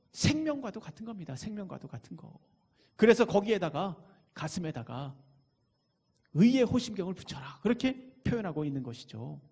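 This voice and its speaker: A man's voice: sits high, big-room sound. A man preaching a Sunday sermon in a church, repeating phrases for emphasis. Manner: dramatic preaching, acts out tempter's voice, repeats phrases. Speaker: pastor. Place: church sanctuary.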